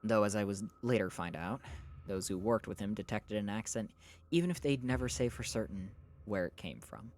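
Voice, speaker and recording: Streamer, live book reading, animated pitch, snaps back at chat, reads narration low and slow. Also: a little hiss or hum. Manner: argues back at chat in exasperated bursts.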